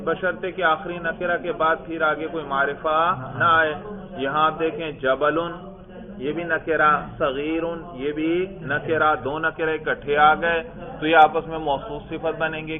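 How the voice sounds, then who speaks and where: A man's voice: fairly high pitch, level tone, crowd noise. A man teaching a grammar class who questions his students, repeats their answers and praises them. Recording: tinny phone-like classroom recording.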